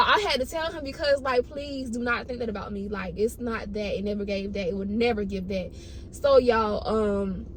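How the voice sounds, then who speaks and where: A fairly high-voiced woman tells her story in a casual, slangy way. She is animated and dramatic, repeating phrases to drive points home. Some noise runs behind her voice. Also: low-quality recording. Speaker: storytime vlogger. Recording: noticeable background noise.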